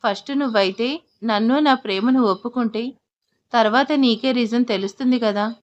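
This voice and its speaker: A woman voicing a cocky young husband who talks loudly and teasingly in an audio drama. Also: fairly high pitch, normal speed, highs cut off, lightly acted. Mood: teasing, brash. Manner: cocky, loud and provoking.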